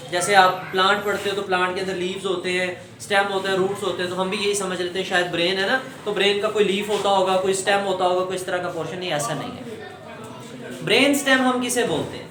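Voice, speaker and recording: A man's voice: sits high, fairly even intonation, fast, reverberant, distant mic, a crowd in the background. A male teacher gives a classroom lecture, calling his students "beta" and repeating his own questions and answers.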